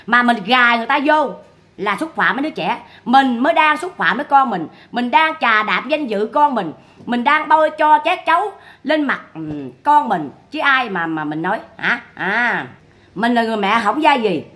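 A woman's voice: fairly high pitch, lively intonation, normal speed, a bit bright. A woman giving scornful livestream commentary on online drama, firing repeated rhetorical questions.

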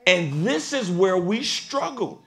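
A pastor and podcast host runs a panel discussion before a studio audience, speaking like a preacher and rising to emphatic climaxes. He has a high, a bit bright voice, very animated but slow.

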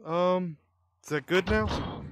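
A man's voice: sits high, takes it slowly, background noise. A man playing a VR game, chatting casually, joking and talking to the characters on screen. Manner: excitable, jokey, talks to game characters. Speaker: gaming streamer. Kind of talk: casual gameplay commentary.

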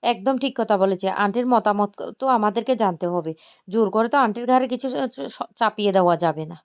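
A woman's voice: medium pitch, fast, clear, resonant tone, natural voice. A woman voicing a firm young relative who backs up the others, with slightly dull sound. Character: young person, firm and agreeing.

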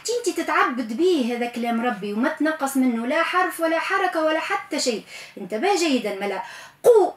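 Woman, Tunisian accent, recitation teacher, high-pitched, patient coaching, roomy echo. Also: lively intonation, fairly bright tone. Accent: Tunisian Arabic. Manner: patient and coaching, stretches out sounds slowly to demonstrate. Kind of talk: radio lesson on Quran recitation.

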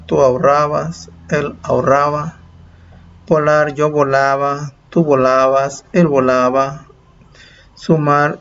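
A Mexican man teaching a primary-school video lesson, explaining patiently and repeating himself, with many fillers. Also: a little high. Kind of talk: video tutorial for students. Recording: dull lo-fi with faint background noise.

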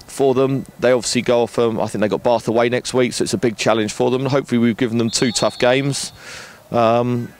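A man in his thirties, a rugby director, speaking in a frank, measured way with many ums and restarts, outdoors at a floodlit ground at night into a handheld mic. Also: mid-range voice, steady tone. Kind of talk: post-match interview. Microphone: handheld interview mic.

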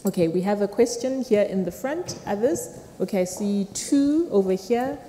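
A woman's voice: medium pitch, expressive, moderate pace, dark tone. A middle-aged woman moderating a town hall discussion from a panel seat in a lecture hall, speaking hesitantly with frequent fillers and restarts. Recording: roomy hall reverb with faint noise.

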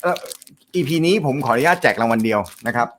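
A man hosting a casual live stream, reading viewer comments, with a naturally loud voice and a joking, chatty manner. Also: medium pitch, expressive, fast, slight background noise. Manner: joking, laughs often, chatty. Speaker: host of a snooker live show.

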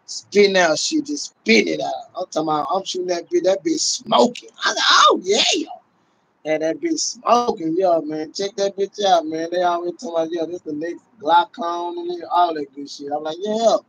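A middle-aged man with a high, creaky, fairly bright voice chats casually and expressively about guns at a moderate pace, swearing and laughing as he livestreams from a small room at home. He holds his phone at arm's length, the audio is poor, and fireworks go off outside.

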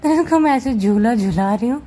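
A woman vlogging casually at home with her cats, chatting gently to viewers as she handles them. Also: on the high side, animated, a little fast, breathy edge. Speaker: cat vlogger. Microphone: camera set up nearby.

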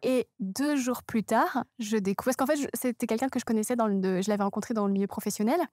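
Female comedian guest, higher voice, dry studio sound, candid self-mocking storytelling. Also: no echo. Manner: animated, self-mocking, halting restarts.

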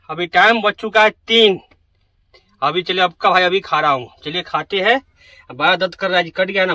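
A man's voice: high-pitched, pushed and bright, dry recording. A young man who drives trucks, chatting casually to his viewers from farm fields beside his truck and filming on a phone. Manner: chatty, addresses viewers directly. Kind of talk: casual vlog narration.

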